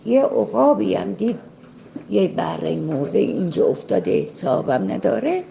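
Female folk storyteller, gravelly and mellow, chatty with asides. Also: mid-range voice, very animated, a little hiss or hum, rough recording. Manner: conversational, with side remarks to the listener. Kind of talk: oral folktale telling.

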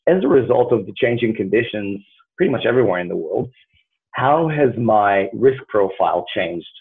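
A man's voice: on the low side, lively intonation, moderate pace, husky. A man hosting a casual conversation, earnest and full of fillers and hedges. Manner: earnest, hedging with many fillers. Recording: tinny phone-like line.

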